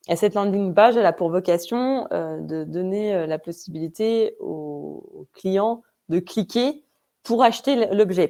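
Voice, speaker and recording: A woman's voice: fairly low pitch, a little mellow. A woman with a Vosges accent presenting an online training webinar, talking informally with many fillers and restarts. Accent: Vosges French. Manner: informal, chatty asides.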